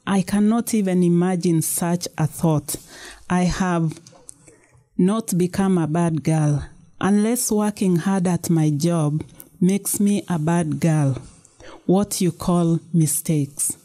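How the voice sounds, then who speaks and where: Woman reading anxious young daughter, pleading, earnest, slow, mellow voice. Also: fairly low pitch.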